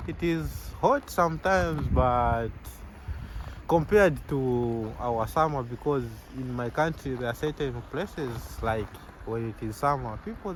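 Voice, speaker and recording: A young man, a medical student answering street-interview questions outdoors in a relaxed, easygoing way. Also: fairly high pitch, a little hiss or hum, rough recording. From Zambia. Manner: easygoing, chuckles between answers, repeats "yeah".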